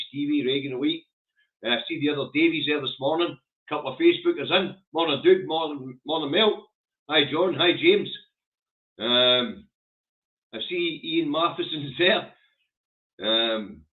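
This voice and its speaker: A man with a broad Lanarkshire Scottish accent hosting a casual livestream, chatting and giving blunt, colloquial, sweary commentary on the news. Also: fairly high pitch. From Scotland. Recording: thin, phone-like narrow-band sound.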